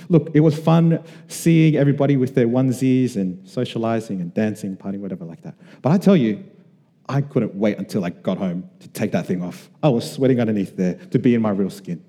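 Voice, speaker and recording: A man from Australia preaching a sermon to a congregation, earnest and conversational with emphatic pauses. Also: mid-range voice, mellow, long reverb tail. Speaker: pastor.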